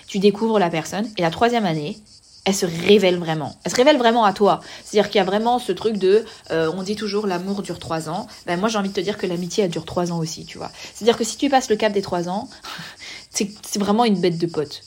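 A young woman tells a personal story on her podcast in a loose, animated, slang-filled way, constantly turning to address the listener. Her voice has a soft husky, breathy edge and sits at an ordinary middle pitch. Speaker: podcast host.

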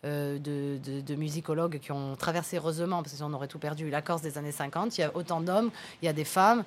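Young woman with a lowish speaking voice. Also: fast talker. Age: young adult. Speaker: guest, farm-tourism entrepreneur and singer. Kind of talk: casual interview chat.

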